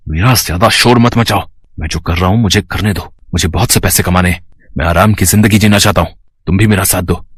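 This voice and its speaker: A greedy, scheming male doctor from a storybook drama speaks in a low, manipulative voice, played by a man. The sound is close and dry, with no room around it. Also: breathy edge, no echo.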